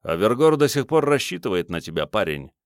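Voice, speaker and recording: A man's voice: on the low side, big pitch swings, clear, resonant tone, no room sound, clean studio sound. Man playing a stern old-school war master. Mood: instructive. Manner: measured, instructive. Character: stern, weary male master of war and instructor.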